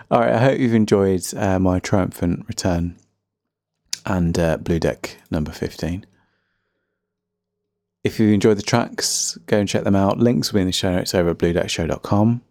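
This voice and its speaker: A man's voice: low voice, moderate pace, a little mellow, dry recording, clean studio sound. A man with a faint Birmingham accent hosting a casual solo music podcast, chatty, rambling and self-deprecating. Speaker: podcast host.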